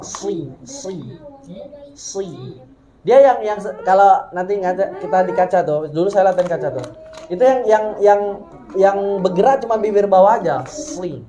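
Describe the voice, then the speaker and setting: Low-voiced woman coaching recitation. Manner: corrective, demonstrates sounds repeatedly. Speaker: Quran recitation teacher.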